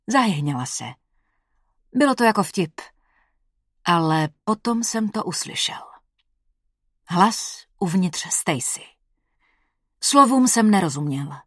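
A woman narrating a story in a steady, measured way, at a mid pitch for a woman. Her voice is recorded close and dry, with no room echo. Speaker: audiobook reader. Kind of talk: first-person story narration.

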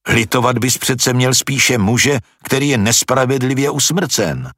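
A man's voice: lowish voice, lively intonation, fairly bright tone, husky, dry recording, studio quality. A man voicing a brash, impatient young man who scoffs and argues, in a storybook reading.

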